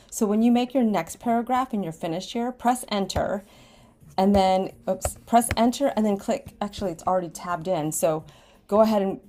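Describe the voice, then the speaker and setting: An American ESOL writing teacher from Washington State leads students through a step-by-step computer lesson, recorded indoors as a screen capture with webcam. Her medium-pitched voice is a little mellow, and she uses simple instructional phrasing, often checking in with an "okay."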